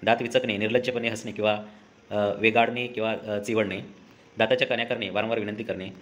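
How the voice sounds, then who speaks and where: A man teaching a language lesson, reading a list of idioms and their meanings briskly, with short "uh" fillers. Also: fairly low pitch, fairly even intonation, fairly bright tone.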